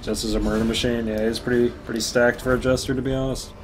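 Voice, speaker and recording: A man's voice: medium pitch, little pitch movement, quick pace, faint music behind. A man casually commenting while playing a game, rambling, laughing often and swearing now and then. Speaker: gaming streamer. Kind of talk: casual let's-play commentary.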